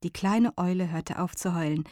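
A woman's voice: fairly low pitch, moderate pace, no echo, studio quality. Woman reading a children's story. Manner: gentle, expressive reading with character voices.

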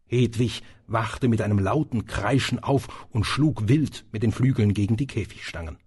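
A man reading a storybook aloud with steady, measured storytelling. He carries the narration between the characters' lines. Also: lowish voice, husky, no room sound, studio quality. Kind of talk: audiobook reading.

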